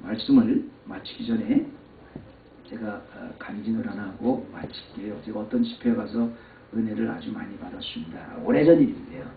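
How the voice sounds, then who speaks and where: A man preaching a sermon as pastor, telling a personal testimony and rising to loud emphatic peaks. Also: lowish voice, moderate pace, creaky, slight background noise. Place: church sanctuary. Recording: echoey, distant, phone-like lo-fi.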